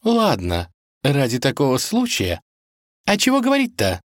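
A man's voice: sits high, very animated, unhurried, dry recording, studio quality, voice pushed up. A man voicing a fussy, kindly older female palace cook who laments in a singsong way. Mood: protesting.

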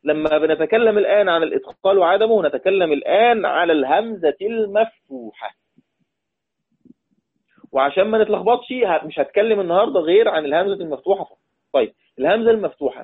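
A man's voice: sits high, animated, fast, husky. A man with an Egyptian accent teaching a recitation lesson, repeating his points, quizzing his listeners and drawing out recited words. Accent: Egyptian Arabic. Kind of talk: classroom lesson. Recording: tinny phone-like sound.

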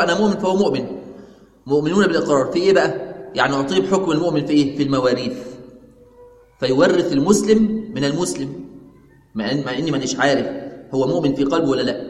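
Man, Egyptian accent, religious teacher, rapid delivery, asks and answers his own questions, roomy hall echo. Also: on the high side. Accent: Egyptian Arabic. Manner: asks the class questions and answers them himself, repeats key points. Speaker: sheikh teaching a religious text. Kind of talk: religious lesson explaining a text. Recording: echoey hall.

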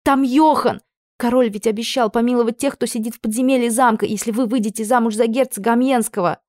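A woman voicing a high, excitable young lady-in-waiting. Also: fast talker, no echo, clean studio sound, lightly acted. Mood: urgent. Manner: pleading, breathless outbursts.

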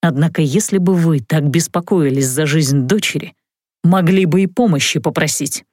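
A woman voicing a mocking, smug young male mage in an audiobook, speaking calmly and teasingly in a lowered voice. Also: dry recording, studio quality. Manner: calm, teasing, unhurried. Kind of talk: audiobook character voice.

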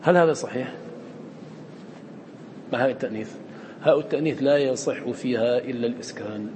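A man's voice: medium pitch, quick pace, a little mellow, big-room sound, slight background noise. A man teaching students the rules of Quran recitation, who often quizzes his listeners and repeats his points. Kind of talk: lecture to students.

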